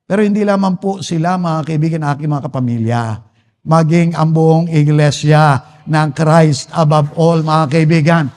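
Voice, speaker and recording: High-voiced Filipino pastor preaching. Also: male voice, fairly even intonation, moderate pace. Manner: preaching with emphatic shifts from soft to forceful. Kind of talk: Taglish sermon. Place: church sanctuary. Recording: long church-hall reverb.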